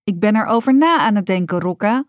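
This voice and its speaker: A firm mother who speaks with a sharp edge, voiced by a woman reading a children's book. Her voice sits slightly above the reader's own and comes across clear and direct. The recording is dry and close, with no room echo. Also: on the high side, lively intonation, moderate pace, voice pushed up, close to an everyday voice. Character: stern mother, adult woman, architect.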